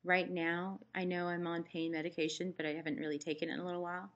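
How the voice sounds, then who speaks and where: A woman's voice: on the low side, level tone, quick pace, lo-fi sound. A woman talking casually and candidly in a personal vlog, giving a health update in a chatty, matter-of-fact way. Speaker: vlogger giving a post-surgery update.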